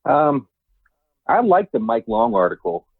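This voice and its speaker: A man on a phone line as a podcast guest, speaking in a laid-back, halting way with restarts and small chuckles. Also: medium pitch, sing-song, slightly rough, no room sound. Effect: heard over a phone line. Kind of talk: casual chat. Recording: tinny phone line, dry.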